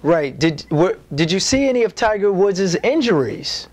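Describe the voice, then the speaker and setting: A man's voice: high voice, sing-song, normal speed, a little mellow. A man playing a formal, persistent TV interviewer in a comedy sketch. He keeps repeating and restarting his questions. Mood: earnest. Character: stiff, persistent male TV interviewer.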